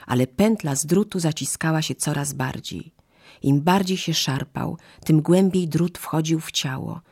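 A calm narrator telling a fable at an unhurried, measured pace. The voice is gravelly and husky, with a settled storytelling cadence. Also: mid-range voice.

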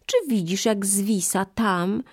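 A woman voicing a clever, cautious female monkey in a high, excitable voice. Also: slow pace, slightly rough. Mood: cunning.

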